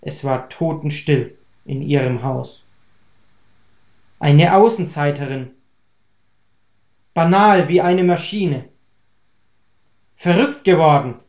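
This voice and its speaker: A man reading a German story aloud in a calm, even audiobook voice. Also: a little high, slow, pauses often. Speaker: story reader. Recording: roomy, dull lo-fi recording.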